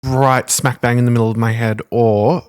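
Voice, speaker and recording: A woman's voice: rumbling low, fairly even intonation, moderate pace, a little mellow, smooth. A woman co-hosting a podcast, reacting with short responses and gasps in casual chat. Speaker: podcast co-host.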